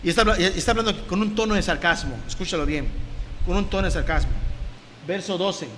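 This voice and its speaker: A man's voice: high-pitched, fast talker, slight background noise. A man preaching a sermon, reading scripture aloud and explaining it with emphatic, rising delivery and mocking asides. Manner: emphatic, rising to loud declamation, mock voices for critics. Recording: reverberant hall, faint ambience.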